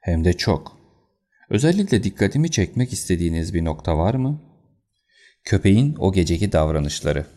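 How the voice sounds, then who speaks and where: A man reading the lines of a calm, confident detective in an audiobook, in a cool and unruffled manner. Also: sits low, moderate pace.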